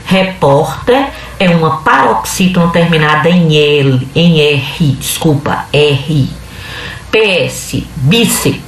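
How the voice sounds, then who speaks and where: A woman's voice: fairly low pitch, a little hiss or hum. A woman teacher, giving a video lesson and explaining patiently step by step with frequent checks. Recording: echoey room, voice from a distance.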